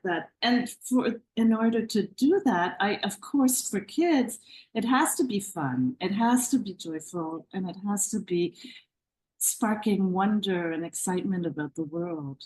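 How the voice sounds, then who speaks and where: A woman's voice: mid-range voice, a little slow, darkish tone, rough recording. A middle-aged woman from Canada, a guest in a conversational interview, chatty, restarting her sentences often. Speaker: guest author.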